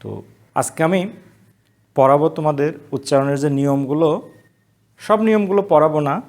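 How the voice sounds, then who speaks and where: A man's voice: on the high side, fairly quick, a little mellow. A man teaching an online college class, explaining rules step by step and answering his own questions. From Bangladesh. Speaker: college Bengali lecturer.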